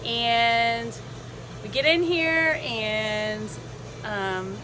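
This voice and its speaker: A woman telling a casual vlog story with a sarcastic lilt, chatty and animated. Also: on the high side, very slow. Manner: sarcastic lilt, playful mock enthusiasm. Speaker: travel vlogger. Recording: noisy vehicle ambience behind voice.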